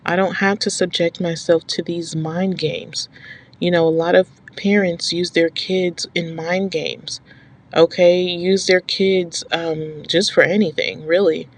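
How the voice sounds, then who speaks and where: A woman's voice: fairly low pitch, little pitch movement, a little slow. A woman vlogger talking straight to her viewers with firm advice, stressing and repeating her points and checking in with "okay?". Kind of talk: direct-to-camera advice talk.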